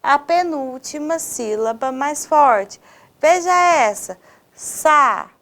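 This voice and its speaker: A woman teacher with a Brazilian Portuguese accent giving a video lesson to her students, stressing her words clearly. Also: high voice, expressive, a bit bright. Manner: slow, clearly stressed didactic delivery addressing students.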